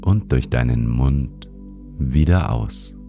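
A man narrating a sleep meditation like a bedtime story narrator, guiding the listener gently and soothingly. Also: a bass voice, takes it slowly. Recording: music behind the voice. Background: music.

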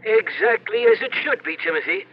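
An actor playing a guarded old solicitor in an old-time radio drama, speaking in a deliberate, cryptic, avuncular way. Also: male voice, high-pitched, lively intonation. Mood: ominous, cryptic. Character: penny-pinching old Irish solicitor, guarded and foreboding. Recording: muffled, faintly noisy old radio.

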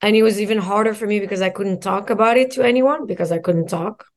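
A woman's voice: medium pitch, fast talker. A woman from Morocco, a mindset coach and guest, telling her story in a reflective way and stringing together lists of phrases. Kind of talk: casual interview conversation.

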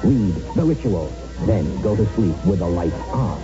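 A man's voice: deep voice, lively intonation, measured pace. A man announcing a scripted horror advertisement in a dramatic, ominous manner. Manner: dramatic, sinister. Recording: dull lo-fi radio broadcast. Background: music.

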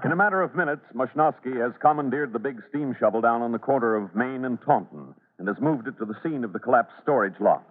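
Speaking quickly with barely a pause, a man with a medium-pitched voice announces and narrates a classic radio serial in a theatrical, emphatic scripted manner. The sound is reverberant and tinny, like an old radio recording.

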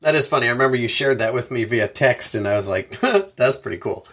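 A man's voice: mid-range voice, a little fast. A man hosting a podcast interview, chatting casually and laughing along with his guest. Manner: laughs easily, lively. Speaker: podcast host.

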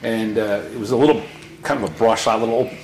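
A man in his sixties telling hunting stories on a podcast, animated and acting out the voices in them. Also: fairly low pitch, fast talker. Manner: animated storyteller who acts out voices. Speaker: hunting guide guest. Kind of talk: podcast storytelling. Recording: roomy room with faint noise.

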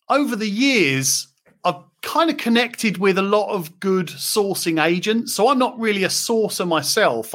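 A British man with a slightly high voice, chatting as a property investor guest in an interview. He rambles cheerfully, filling gaps with ums and restarting his sentences. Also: fairly bright tone. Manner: chatty, frequent fillers and restarts. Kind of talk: casual interview chat.

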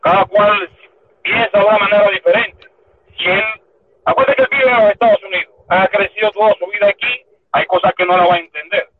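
A man's voice: high voice, brisk. A man from Cuba calling in, explaining his view earnestly and somewhat defensively. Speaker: caller. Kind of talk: phone-in comment. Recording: tinny phone line with noise.

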